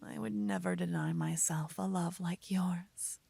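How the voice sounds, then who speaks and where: A woman voices a devoted fantasy adventurer in a romantic ASMR roleplay, teasing her beloved playfully with a soft, breathy, lowish voice that often drops to whispers. She speaks slowly and soothingly in an exaggerated, sing-song way, her mood earnest and intimate. The recording is very dry and close-miked, with no echo.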